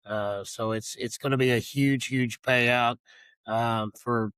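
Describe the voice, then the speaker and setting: A man, talking as a guest organizer in a casual, folksy, halting interview style. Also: mid-range voice, fairly even intonation, a bit bright, smooth, dry recording.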